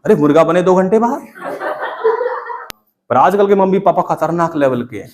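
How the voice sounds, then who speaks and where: A man's voice: high voice, lively intonation, normal speed, a little mellow. A middle-aged man with an Indian accent teaching English in a class, chatty and scolding with jokes. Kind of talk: classroom lecture.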